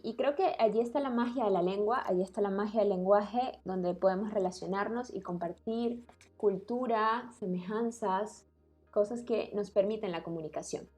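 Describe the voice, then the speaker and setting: A woman co-hosts a relaxed podcast, explaining things patiently. She laughs easily. Soft music plays faintly underneath. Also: mid-range voice. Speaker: co-host explaining language. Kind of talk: casual podcast chat.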